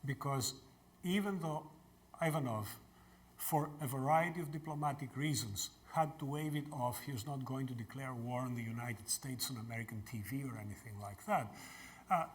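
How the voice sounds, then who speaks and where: Older man lecturing. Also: medium pitch. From Greece. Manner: measured, answers audience questions. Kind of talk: university lecture and Q&A. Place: lecture hall.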